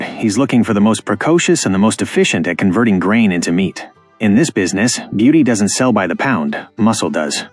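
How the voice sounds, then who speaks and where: A man's voice: on the low side, slightly rough, dry recording. A man giving an emphatic, instructive scripted voice-over about farm breeding. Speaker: farming channel narrator. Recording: dry close voice-over with faint music.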